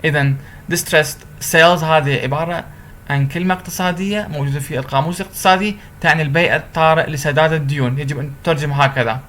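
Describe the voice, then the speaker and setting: Give me a man teaching a recorded interpreting lecture, a bit high-pitched, reading slowly and explaining quickly. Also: steady tone, a bit bright, a little hiss or hum. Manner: switches between slow deliberate English and quick Arabic explanation. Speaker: university translation lecturer.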